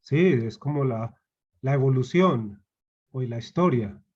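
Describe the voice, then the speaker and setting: A man with a Colombian Spanish accent lectures a university class online, repeating key points and asking students to answer. His voice is husky, and the video-call audio sounds dull and lo-fi. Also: medium pitch, expressive, a little slow, a little mellow. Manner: explains patiently, repeats key points, asks students questions.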